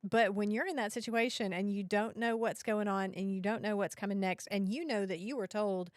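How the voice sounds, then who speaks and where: A woman journalist co-hosting a podcast, giving listeners context with calm explanation. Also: mid-range voice, brisk, no room sound, studio quality. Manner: adds context for listeners, frequent short affirmations. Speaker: journalist and co-host. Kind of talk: casual conversation.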